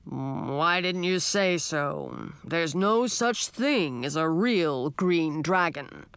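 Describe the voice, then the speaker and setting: A woman voicing an ancient male dragon king, huge, proud and absent-minded, with a slow, self-assured way of speaking. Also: low-pitched, very animated, a bit bright, smooth, no echo, full character voice. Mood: stubborn.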